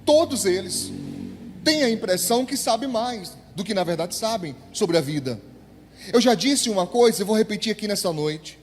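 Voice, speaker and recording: A pastor with a notably high voice delivers a sermon, stretching his key words and pressing the congregation for replies. His voice rings out in the long reverb of a church hall. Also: lively intonation, normal speed, a little hiss or hum. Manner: emphatic preaching, drawing out key words, calling on the congregation to answer.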